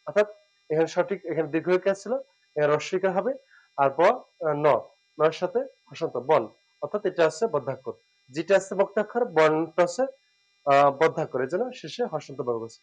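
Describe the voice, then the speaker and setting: A man teaching word pronunciation, drawing out syllables slowly with hesitant fillers between points. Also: fairly high pitch, lively intonation, lo-fi sound. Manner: slow and deliberate, drawing out syllables. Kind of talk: pronunciation lesson.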